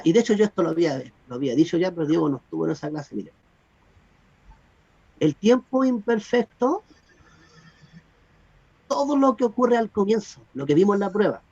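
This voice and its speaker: A man lectures over a video call, walking students through grammar rules and pausing to check they understand. His voice is husky and gravelly, pitched a little high. The audio is dull and lo-fi. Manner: explanatory, animated, asks students if they follow. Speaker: Greek grammar teacher. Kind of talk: online class lecture.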